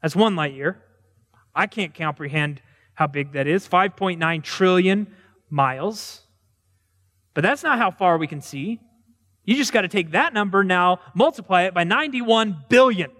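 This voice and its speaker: A male preacher delivers a conversational sermon in a high voice. His words echo through a large sanctuary with a long, lingering reverb. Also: expressive, measured pace, a bit bright. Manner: conversational, storytelling, asks questions.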